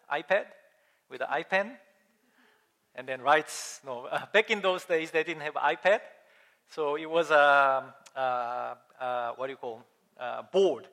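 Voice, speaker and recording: Male pastor, sermon delivery, somewhat high and bright voice, emphatic and questioning. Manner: animated, emphatic, asks the congregation questions. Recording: long hall reverb.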